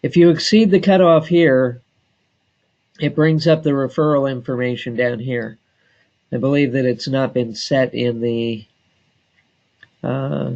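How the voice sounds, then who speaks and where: A man walks trainees through a software screen at an unhurried, measured pace. He pauses often with fillers as he clicks through each step. The sound is dull and lo-fi, like a recorded webinar. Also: mid-range voice. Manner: slow and deliberate, many filler pauses. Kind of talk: screen-share software tutorial.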